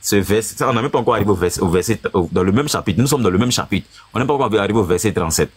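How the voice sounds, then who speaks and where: A man in a live online debate reading scripture aloud over his phone in a steady, measured way, then explaining it. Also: lowish voice, husky. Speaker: debate participant.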